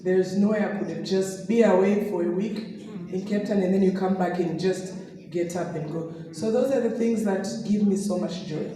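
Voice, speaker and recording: A woman's voice: mid-range voice, warm tone. A middle-aged woman from Tanzania, giving an anecdotal personal testimony as a guest speaker and laughing often. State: recovering from a sore throat. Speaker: guest speaker, business distributor. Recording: echoey hall from far off.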